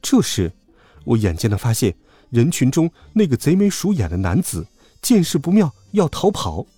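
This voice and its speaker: A man narrating a children's story with a voice that rises and falls in a very animated way. His tone is mellow and a little husky. The recording is dry and close, with light music underneath. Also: mid-range voice, normal speed, no room sound. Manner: lively, animated.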